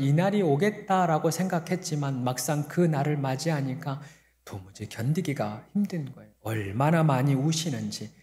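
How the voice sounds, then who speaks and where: A man preaching a sermon as pastor, swinging from quiet, storytelling passages up to loud, emphatic peaks. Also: mid-range voice, long reverb tail. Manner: builds to loud emphatic peaks, then drops soft.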